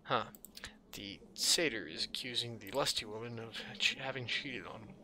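Musing aloud over gameplay, a gaming video host keeps his casual commentary dry and offhand. He speaks at a moderate pace in a sharp, mid-range, slightly scratchy voice, with music playing underneath.

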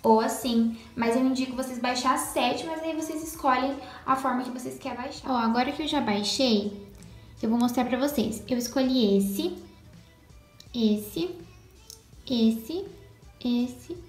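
A woman's voice: sits high, measured pace, long pauses, a little mellow. A young Brazilian woman chatting to viewers while showing a phone tutorial, checking in with them often. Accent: Brazilian Portuguese. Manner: chatty, talks straight to viewers with lots of "tá?" and "né?". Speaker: lifestyle vlogger. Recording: echoey room with background music.

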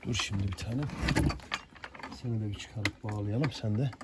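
A man's voice: fairly low pitch, steady tone, moderate pace, very noisy. A man talking casually to his animals and his viewers on a farm, coaxing them one moment and giving firm commands the next. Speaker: farm vlogger with horses and dogs. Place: outdoors on a rural farm.

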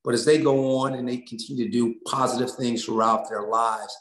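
A middle-aged American man, an assistant basketball coach, answers interview questions over a video call in a conversational, earnest and encouraging way. His mid-range voice is fairly even and fairly quick, and the small indoor room gives the recording a roomy echo.

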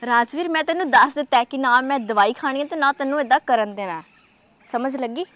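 A woman's voice: high voice, quick pace, fairly bright tone. A young woman playing a pregnant girlfriend in a short film, firm and pleading. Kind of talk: scripted film dialogue.

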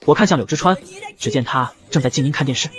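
A man narrating a comic story in a brisk, lively storytelling manner. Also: mid-range voice. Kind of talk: fast scripted comic narration.

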